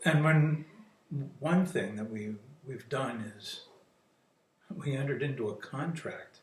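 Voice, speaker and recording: A man's voice: medium pitch, slow pace, reverberant, a little hiss or hum. An older man co-hosting a casual chat, cracking dry jokes on the side. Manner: dry, joking asides. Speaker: co-host. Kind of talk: casual banter. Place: home patio. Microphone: computer's built-in microphone.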